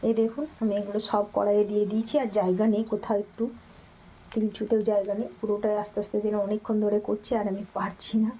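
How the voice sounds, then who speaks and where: A woman's voice: mid-range voice, completely flat delivery, fast talker, warm tone, a little hiss or hum, poor audio. A woman hosting a home cooking video, chatting directly to her viewers from her kitchen. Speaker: cooking channel host. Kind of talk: casual cooking video talk.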